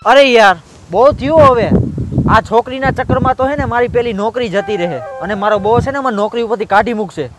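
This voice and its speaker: A man's voice: very high-pitched, fairly quick, over music, poor audio. A man acting as a brash, boastful young man on a Facebook date in a comedy sketch, recorded outdoors. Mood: impatient.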